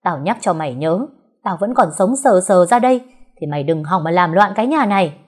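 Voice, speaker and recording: A woman voicing a domineering middle-aged stepmother who scolds loudly in an audio story. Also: mid-range voice, animated, normal speed, slightly rough. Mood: scolding. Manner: loud, scolding.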